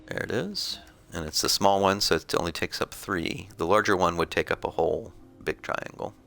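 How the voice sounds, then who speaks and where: Male gameplay commentator, deep gravelly voice, calm explainer, faint music under. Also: moderate pace. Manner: relaxed, explanatory, thinking aloud.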